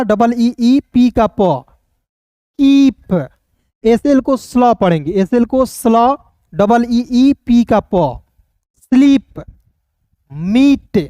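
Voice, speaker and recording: A man teaching an online lesson as an English teacher, spelling out words slowly sound by sound and often checking that students follow. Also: high-pitched, warm tone, dry recording, dull audio. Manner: slow syllable-by-syllable pronunciation drills, keeps asking "clear?".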